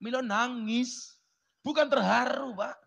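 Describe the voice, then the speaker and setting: A man's voice: very high-pitched, measured pace, vocal fry, fairly bright tone. A man with a Javanese accent giving a humorous sermon, joking and chatting with the audience. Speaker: preacher. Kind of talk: humorous sermon to a village crowd.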